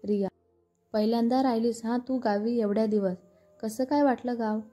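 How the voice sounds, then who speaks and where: A woman's voice: on the high side, fairly even intonation, moderate pace, dark tone, soft background music, close to an everyday voice. A woman voicing a stern, protective elder sister who scolds and lectures her younger sister. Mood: cheerful.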